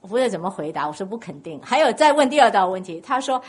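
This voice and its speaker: Speaking very fast in a mid-range voice with a breathy edge, this Cantonese-accented woman from Guangdong, China, delivers a sermon. She tells stories with animation and asks the congregation questions.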